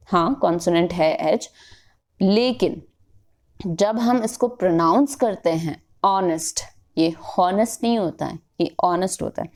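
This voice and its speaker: A woman's voice: on the low side, darkish tone. A woman with an Indian English accent teaching a grammar lesson online, explaining step by step and often checking with her students. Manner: explains slowly, mixing Hindi and English, often checking "ठीक है".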